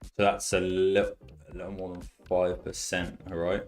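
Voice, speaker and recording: A man with a Birmingham accent softened by years in Australia, hosting a live stream in a casual, chatty way with many repeated words. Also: deep voice, level tone, moderate pace, soft background music. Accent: Birmingham English, softened by years in Australia. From Birmingham, England. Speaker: live-stream trading host. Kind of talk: casual live-stream chat and chart commentary.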